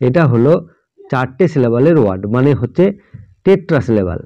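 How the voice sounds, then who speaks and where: Explaining English grammar patiently, a man spells words out letter by letter, repeatedly asking students "all right?" His mid-range voice is dark in tone, very animated, and fairly quick. The lo-fi recording sounds dull, dry, and close.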